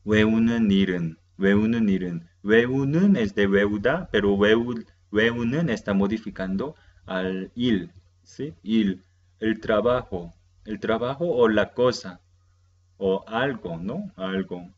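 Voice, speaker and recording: A man's voice: lowish voice, a little fast, dull audio, a little hiss or hum. A man whose first language is Korean, teaching a language lesson with a patient, repetitive delivery that keeps checking his students follow. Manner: repeats key words and checks understanding with "¿sí?".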